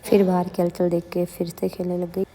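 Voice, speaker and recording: Young woman vlogger chatting away, lowish flat voice, faint hiss behind. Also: brisk. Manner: chatty, addresses viewers as guys. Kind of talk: casual vlog narration.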